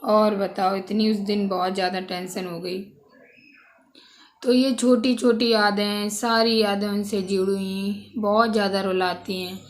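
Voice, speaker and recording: A woman's voice: medium pitch, level tone, unhurried. A young woman vlogger earnestly recounting a personal family story, close to tears at times.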